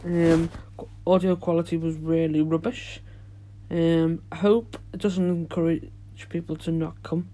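A man hosts a solo podcast, chatting casually in an informal, halting, unpolished way. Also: fairly high pitch, little pitch movement, dark tone, slight background noise. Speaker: podcast host.

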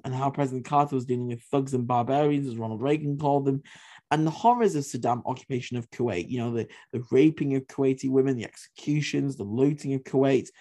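A man's voice: medium pitch, dark tone. A man hosting a history podcast, talking in an emphatic, opinionated way, repeating points for stress and swearing casually. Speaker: podcast host.

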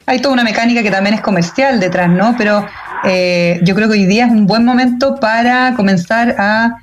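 A woman's voice: medium pitch, a little fast. A woman with a Chilean accent interviewing in a casual, conversational way. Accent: Chilean Spanish.

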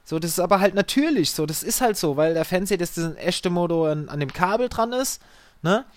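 Chatty tech support storyteller, slangy and exasperated, animated pitch, dry close sound. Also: a little fast, no echo. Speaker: tech support worker telling customer stories. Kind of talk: casual storytelling.

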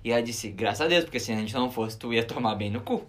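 This young podcast co-host, a man with a southern Brazilian accent from Rio Grande do Sul, narrates a story in relaxed, animated, slangy chatter. His voice sits in the mid range and he speaks fast.

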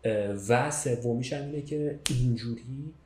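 A man with a mid-range, darkish voice narrates a story on a podcast in easy conversation, now and then checking in with the listener. The recording has a roomy echo.

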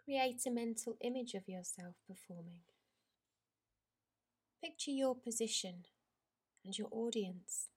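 A woman yoga teacher leading a guided relaxation in a slow, soft, soothing voice that drifts into whispers. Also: on the high side, husky.

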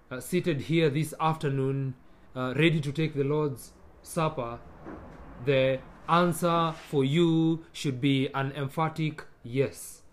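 A man preaching a sermon at a communion service, reading scripture aloud and then expounding it with emphatic bursts and frequent hesitations. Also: mid-range voice. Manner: frequent hesitations and repeated words. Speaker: pastor.

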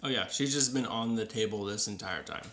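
A man's voice: on the low side, fairly quick, fairly bright tone. A man co-hosting a podcast in casual chat, joking dryly and slipping into voices when he tells stories. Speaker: podcast co-host.

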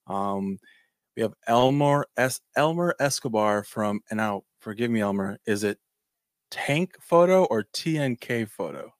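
Male podcast host, low voice, halting casual delivery, dry close recording. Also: expressive, dry recording. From Mexico. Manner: halting, many restarts and fillers. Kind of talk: casual interview talk.

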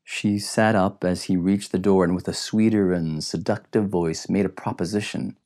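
A man narrating an audiobook in a measured, reflective way. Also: low voice, steady tone, a little mellow. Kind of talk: scripted narration.

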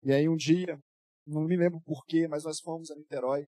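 A man's voice: fairly high pitch, fairly even intonation, a little fast, warm tone, dry recording. Man, pastor, fervent sermon, dramatic storytelling, dry sound.

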